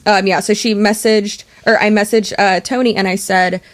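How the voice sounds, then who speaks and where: A woman's voice: medium pitch, fairly even intonation, moderate pace. A woman co-hosting a podcast in casual chat, telling stories and laughing often. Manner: chatty storyteller, laughs often. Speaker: podcast co-host.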